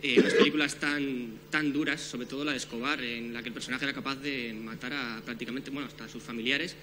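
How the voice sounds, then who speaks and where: A man's voice: medium pitch, fairly even intonation, fairly quick, noisy background. A man putting an informal question at a press conference.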